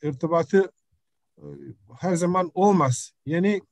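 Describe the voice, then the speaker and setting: A middle-aged man with an Uzbek accent giving an academic presentation on a video call, speaking halting, broken non-native Turkish mixed with Uzbek. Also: sits high, a little mellow, no room sound. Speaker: professor presenting research. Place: indoor room, video call. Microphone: computer microphone on video call.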